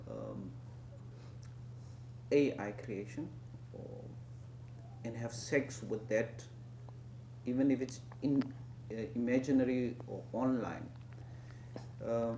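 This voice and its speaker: A man asks his interview questions haltingly, restarting words and filling pauses with "uh". His mid-pitched voice rings in an echoey room over a faint hum. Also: gravelly, mellow. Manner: hesitant, restarts and "uh" fillers. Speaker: interview host.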